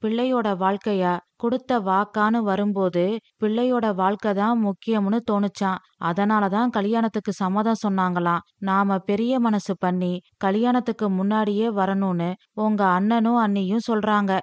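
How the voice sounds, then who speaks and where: A woman voicing a worried middle-aged father who reasons calmly with his family, in a dry recorded storybook reading. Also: medium pitch, normal speed, no echo, muffled recording, natural voice. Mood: explaining.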